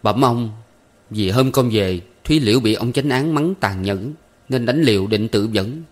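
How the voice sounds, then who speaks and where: A man's voice: mid-range voice, measured pace, close to an everyday voice. A man voicing an anxious young man who humbly pleads with his elders. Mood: pleading.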